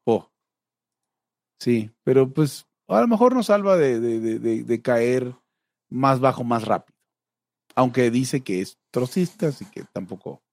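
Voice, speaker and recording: A Mexican man chatting on a podcast, musing and hesitant, often filling pauses. His voice sits at an ordinary pitch and comes through close and dry, with no room around it. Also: lively intonation, creaky, a little mellow, no room sound. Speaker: podcast co-host. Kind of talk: casual chat.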